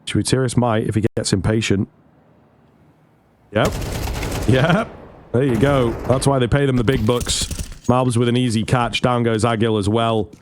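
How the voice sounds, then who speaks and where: A man's voice: mid-range voice, fairly even intonation, normal speed, long pauses, a little hiss or hum. A man working as an esports caster, giving play-by-play commentary on a live match.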